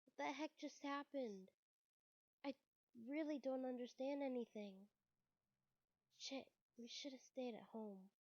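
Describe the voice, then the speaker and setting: Her high-pitched, slightly mellow voice moves unhurriedly and pauses often as she narrates a visual novel live, adding offhand comments. She's under the weather, with an occasional cough, and the lo-fi audio sounds dull and echoes roomily.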